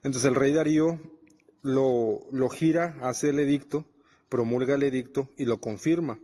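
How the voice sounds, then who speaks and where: Man, preacher, mid pitch, conversational Bible study, long reverb. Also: normal speed, warm tone. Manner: reads scripture and explains it conversationally.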